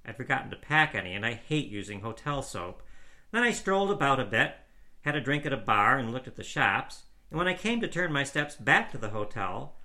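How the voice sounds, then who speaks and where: A man reading a story aloud, voicing a stranded young man who pleads his case in a hurried, eager way. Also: medium pitch, pushed and bright.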